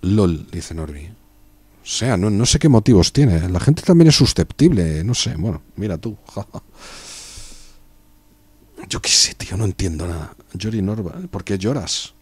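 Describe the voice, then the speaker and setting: A man's voice: deep voice, expressive, unhurried, pauses often, a little mellow, husky, no echo. A young man with a Spain Spanish accent, chatting casually and joking with his chat while streaming a strategy game. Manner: joking, chatty, reads chat aloud and riffs on it.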